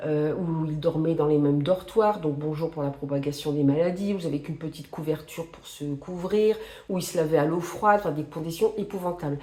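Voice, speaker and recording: A woman with a low, mellow voice chats about her favourite novels, hesitating often with fillers and restarts. She is recorded in an echoey room. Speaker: book reviewer. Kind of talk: casual book talk to camera.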